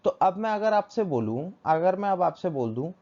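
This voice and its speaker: A man's voice: high-pitched, big pitch swings, normal speed, darkish tone. A male teacher giving a physics lesson, asking questions and answering them himself, repeating key terms. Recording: dull lo-fi recording.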